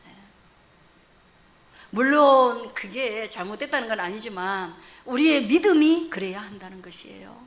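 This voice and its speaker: A woman pastor preaching a sermon, asking rhetorical questions, rising loud and dropping to soft asides. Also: a little high, lively intonation, unhurried.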